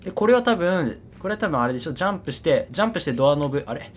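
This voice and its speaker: A man's voice: fairly high pitch, expressive, rapid-fire, slight background noise. A man giving casual, chattery game commentary, repeating his words and poking fun at himself. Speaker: horror game streamer.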